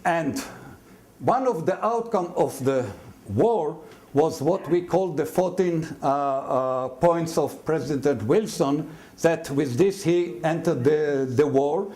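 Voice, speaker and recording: A man in his seventies or older, born in Mandate Palestine, giving a university lecture in an explanatory, halting way with many fillers and restarts. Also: on the high side, a little mellow. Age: 70s or older.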